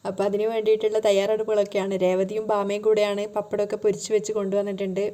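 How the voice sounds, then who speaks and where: A woman's voice: mid-range voice, monotone, racing, warm tone. A woman retelling a TV serial episode as a casual spoken story, with running narration and quoted dialogue.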